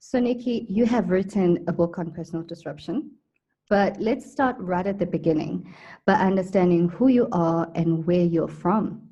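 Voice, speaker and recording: A woman's voice: lowish voice, moderate pace, warm tone, husky, highs cut off. A woman hosting a podcast interview, giving polished introductions and asking prompting questions. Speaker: podcast host.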